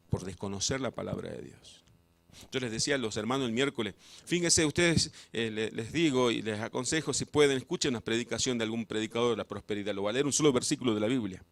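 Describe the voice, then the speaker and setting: Fervent Argentine pastor preaching. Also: male voice, medium pitch, no echo. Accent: Argentine Spanish. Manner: fervent preaching with rising emphatic peaks. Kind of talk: sermon. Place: church.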